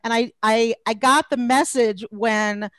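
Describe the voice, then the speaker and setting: A woman's voice: a little high, steady tone, measured pace, a bit bright, no room sound. A middle-aged woman from Los Angeles, a career coach guest in a podcast interview, talking in a chatty way and laughing often.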